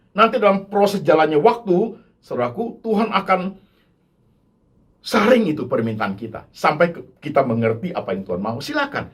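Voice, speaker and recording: A man's voice: high voice, slightly rough. A man preaching a sermon as pastor, acting out quoted voices and mixing in English words.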